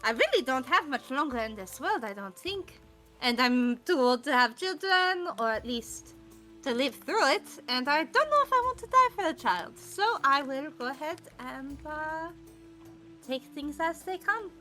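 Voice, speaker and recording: A weary older woman, voiced by a woman player speaks in character during a tabletop role-play. Her tone is high and bright, and her manner is resigned and musing. She sounds like someone with no goal left. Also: big pitch swings, normal speed, faint music behind, exaggerated voice. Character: weary older woman drifting without a plan.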